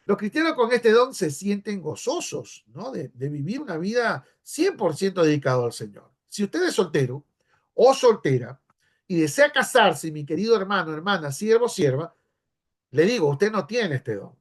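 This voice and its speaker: A man's voice: high voice, sing-song, moderate pace. A man from Peru with a Peruvian accent, a pastor giving a teaching class in a conversational way, often checking in with his listeners. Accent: Peruvian Spanish. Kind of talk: sermon-style teaching class.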